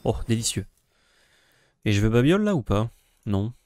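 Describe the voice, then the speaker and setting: Low-voiced man muttering his game moves. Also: very animated, moderate pace, a little mellow, a little hiss or hum. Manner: thinks aloud, muttering moves. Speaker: player. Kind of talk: casual game commentary.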